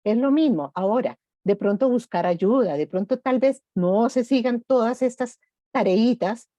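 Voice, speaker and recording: Middle-aged woman, gentle reflective speaker, mellow tone, flat lo-fi audio. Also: medium pitch, no echo. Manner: gentle, reflective, personal examples. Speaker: grief workshop speaker. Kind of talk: online workshop talk.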